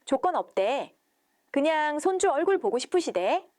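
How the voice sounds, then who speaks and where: A woman voicing a soft-spoken young husband. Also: high-pitched, big pitch swings, moderate pace, no echo, studio quality, voice pushed up. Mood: gentle.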